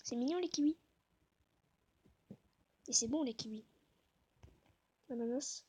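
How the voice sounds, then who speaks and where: A woman giving casual gameplay commentary, talking softly to herself and the viewers with self-mocking asides. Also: sits high, slow, slightly rough. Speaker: gaming video creator.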